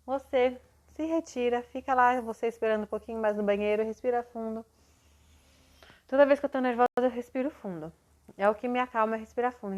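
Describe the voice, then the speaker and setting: A woman mentoring parents in a live online session, explaining patiently and acting out what to say to a child. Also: fairly high pitch.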